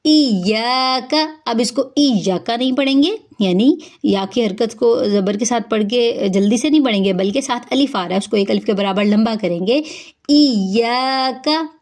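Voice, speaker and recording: A woman's voice: on the high side, darkish tone. Woman teaching Quran recitation rules. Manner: explains mistakes, then slowly chants each verse; uses Urdu religious terms. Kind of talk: tajweed lesson.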